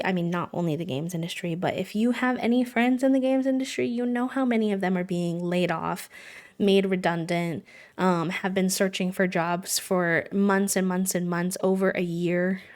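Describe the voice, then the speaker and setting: A woman livestreamer chatting earnestly with her viewers, talking casually with lots of "like"s. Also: medium pitch. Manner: earnest, conversational, many "like"s. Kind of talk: casual live-stream chat.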